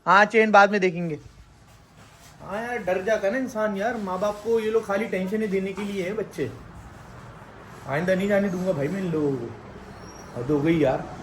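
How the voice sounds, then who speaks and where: A man with a Karachi Urdu accent lectures his children in a casual family vlog. His voice sits high for a man, and he keeps up a scolding, warning tone. A faint background hiss runs under his talk. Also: moderate pace, pauses often, fairly bright tone. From Pakistan. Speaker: vlogger and father.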